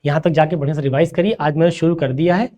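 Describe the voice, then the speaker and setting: High-voiced man teaching a grammar lesson. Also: steady tone, quick pace, warm tone. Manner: asks rhetorical questions and answers them himself; calls students "beta". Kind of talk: classroom grammar lecture.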